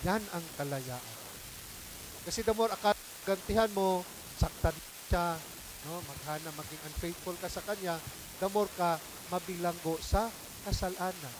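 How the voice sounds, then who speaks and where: A man's voice: high-pitched, normal speed. A man with a Filipino accent, a priest giving a homily in a conversational style, mixing languages and asking the congregation questions. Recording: hissy noisy recording.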